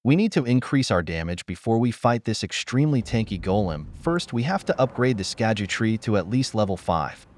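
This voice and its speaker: A man narrates a game walkthrough from a script, laying out each step in a steady, instructional manner. His voice sits low, but his pitch moves about a lot as he explains. The recording is dry, with no room sound. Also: brisk, hardly any pauses, dry recording.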